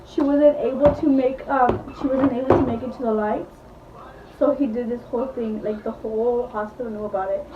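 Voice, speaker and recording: Chatty high-voiced woman retelling a movie. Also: steady tone, brisk, far from the mic, heavy background noise. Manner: rambling, full of "like", acts out quotes. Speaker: beauty vlogger. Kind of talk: casual retelling of a movie plot. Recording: echoey room, voice from off-mic, dull sound.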